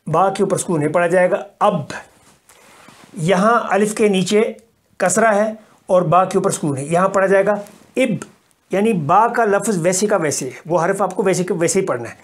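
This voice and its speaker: A man from Kashmir teaching an Arabic lesson. He explains patiently, repeats points often, and draws out the example syllables. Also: high-pitched. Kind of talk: recorded language lesson.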